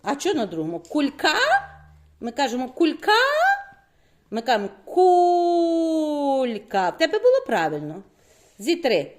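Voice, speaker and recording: Encouraging teacher woman, higher voice. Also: wildly swooping pitch, a little mellow. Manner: encouraging, quick questioning, frequent praise. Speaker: primary school teacher. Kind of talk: classroom lesson with young children. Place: classroom.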